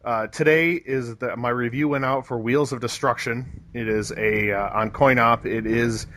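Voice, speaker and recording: A young man hosts a laid-back gaming podcast at a middle pitch. He hesitates a lot, restarting his sentences and filling gaps with "uh" and "um", and his humor stays dry. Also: fairly even intonation, moderate pace, fairly bright tone, dry recording. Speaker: podcast host. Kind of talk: casual gaming podcast chat.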